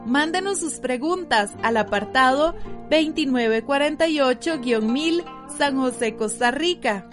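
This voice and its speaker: A woman with a high voice reads a radio sign-off in a clear, announcing style. Music plays clearly beneath her. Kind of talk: scripted program sign-off.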